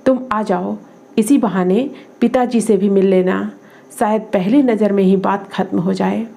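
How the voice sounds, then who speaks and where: A woman's voice: mid-range voice, fairly even intonation, unhurried, creaky, warm tone. A woman reading the lines of a playful, joking middle-aged man in a storybook drama. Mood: teasing. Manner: mischievous, joking.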